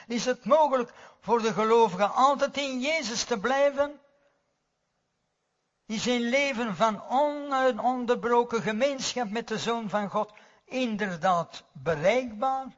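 A man's voice: high voice, a bit bright. Old guy in his 90s preaching, muffled recording w long hall echo. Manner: slow, earnest preaching, repeats key words. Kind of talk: sermon. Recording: dull, reverberant hall recording.

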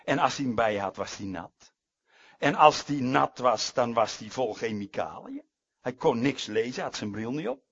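A husky-voiced male preacher delivering a sermon, leaning hard on some words and dropping to near-whispers on others. The recording is dull and lo-fi with a dry, close sound. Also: mid-range voice, lively intonation, moderate pace, no echo. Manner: emphatic, swinging between loud stresses and quiet asides.

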